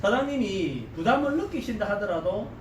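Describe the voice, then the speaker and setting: At a moderate pace, a middle-aged man with a thick Gyeongsang Korean accent delivers an energetic, joking seminar lecture, tossing rhetorical questions at the crowd in a fairly high, bouncing voice. The distant mic catches echo from the hall and a faint hum of ambience.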